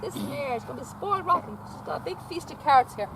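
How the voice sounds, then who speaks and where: A vlogger visiting a stud farm talks fast in a high-pitched, expressive voice, coaxing a mare with baby talk in an outdoor paddock while chatting casually with her companion. She often repeats phrases and stammers, recorded on a camera her companion holds, with wind and farm noise around.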